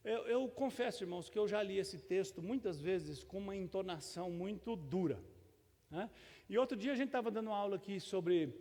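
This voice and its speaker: A man's voice: sits high, lively intonation, fairly quick, darkish tone. A middle-aged Brazilian man preaching a sermon as pastor, folksy and conversational, with touches of humor and frequent tag questions. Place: church sanctuary. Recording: long church reverb.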